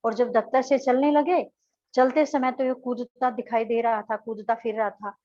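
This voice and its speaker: A woman's voice: fairly high pitch, fairly even intonation, moderate pace, darkish tone, no echo, lo-fi sound. A woman teacher explains a textbook story to her class. She retells each passage in simpler words and repeats lines.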